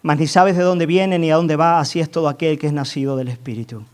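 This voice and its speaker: A man's voice: a little high, fairly even intonation, fast talker, smooth. A male pastor preaching a sermon with fervor, building to emphatic peaks, often asking the congregation to agree, and repeating words as he restarts. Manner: fervent, rising to emphatic climaxes, asks the congregation for affirmation.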